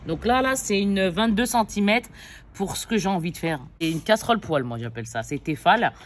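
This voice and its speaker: A woman's voice: mid-range voice, lively intonation, brisk, slight background noise. A woman, a mother of several children, chatting casually to her viewers as she shows off her shopping, rambling with lots of fillers and self-corrections. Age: adult mother. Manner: addresses viewers directly. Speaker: vlogger. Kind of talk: casual shopping haul chat.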